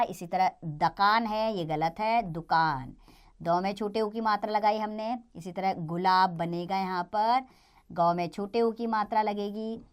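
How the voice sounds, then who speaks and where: A woman teaching young children, her voice smooth, clear and a little high. She moves slowly through the lesson with a lively, rising and falling pitch, encouraging the young learners.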